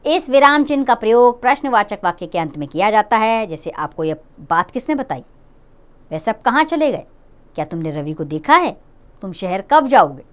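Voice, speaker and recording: Lively-voiced woman teaching children. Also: a little high, normal speed, clean tone. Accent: Hindi. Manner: friendly, explanatory, addresses children directly. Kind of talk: children's grammar lesson.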